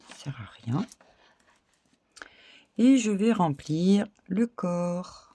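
A woman's voice: lowish voice, expressive, very slow, warm tone, no echo. A middle-aged woman hosting a casual craft tutorial, chatting with viewers as she works. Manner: chatty, laughs often, addresses viewers directly.

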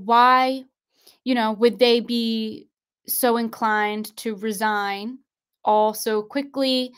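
A young woman hosts a conspiracy commentary livestream from her desk indoors, screen-sharing as she reads articles aloud and presses viewers with rhetorical questions. Her voice is fairly high, clear and resonant.

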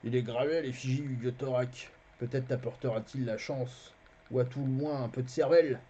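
A reader voicing a suspicious, cold stranger who asks slow, probing questions in a fantasy read-aloud. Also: mid-range voice, steady tone, dark tone, a little hiss or hum, natural voice. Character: suspicious, cold foreign merchant-spy. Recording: dull, lo-fi stream audio.

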